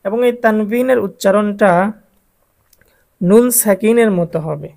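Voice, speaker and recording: A man with a Bangladeshi Bengali accent teaches adult beginners to read the Quran. He speaks at a very slow, deliberate pace, drilling each letter sound with patient repetition. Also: high voice, gravelly, darkish tone.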